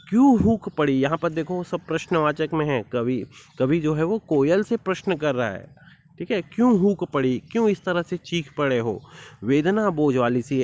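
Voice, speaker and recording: A man teaching a school poetry lesson, reciting verse lines slowly and explaining each word, often checking with "है ना?". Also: medium pitch, a little mellow, slight background noise.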